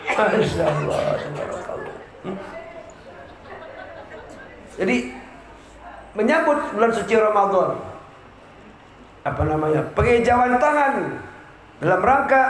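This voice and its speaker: Male preacher, high voice, comic sermon style, echoey room with a crowd. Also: expressive, unhurried, pauses often. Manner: joking, acts out quoted voices. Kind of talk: humorous sermon. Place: community religious gathering.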